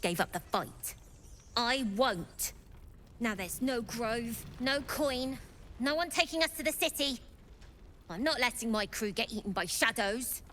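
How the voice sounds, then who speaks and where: Voicing the same defiant, streetwise young gang-leader girl in a video game, the actress sounds high, bright and animated at a measured pace. The mood is stubborn and protective, and the grammar is cheeky street talk. Music plays behind her with slight background noise.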